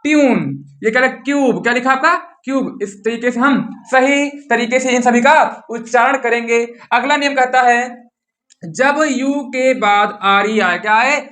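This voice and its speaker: A man's voice: very high voice, a little slow, bright, forceful tone. Hindi-speaking male teacher drilling pronunciation. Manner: repeats questions to students and answers them himself. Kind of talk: classroom-style English pronunciation lesson.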